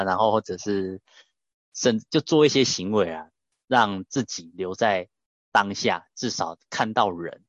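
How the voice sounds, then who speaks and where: A man's voice: low-pitched, fairly bright tone, dry recording. A man hosting an interview, responding reflectively to his guest's points, on slightly dull audio. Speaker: host. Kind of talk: casual interview talk.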